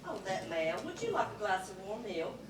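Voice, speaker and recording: Woman acting bustling mother, lively echoey stage voice. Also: medium pitch, a little fast, lightly acted. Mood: caring. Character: bustling, caring, mildly scolding mother of grown sons. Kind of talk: community theatre stage acting. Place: theatre stage, picked up from far off. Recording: distant echoey stage recording, clear noise.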